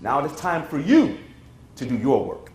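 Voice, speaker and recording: A man's voice: a little high, very animated, normal speed, pitched below the performer's own voice. A man voicing a stern but loving old grandmother who speaks firmly and wisely, in a roomy hall. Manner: firm, scolding, then gently wise.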